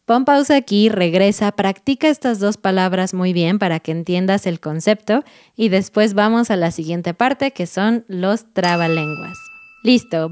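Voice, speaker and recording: A young woman with a Mexican Spanish accent leads a pronunciation lesson at an unhurried pace, drawing each vowel out long and broad. Her voice sits in a middle pitch, recorded close and dry. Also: darkish tone, dry recording. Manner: exaggerated vowel drilling. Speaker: Spanish teacher.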